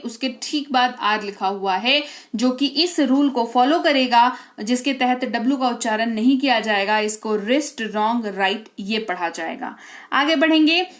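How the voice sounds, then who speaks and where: A woman teaching an English reading lesson, spelling words out letter by letter and often checking in with quick questions. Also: high-pitched. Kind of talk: classroom-style lesson.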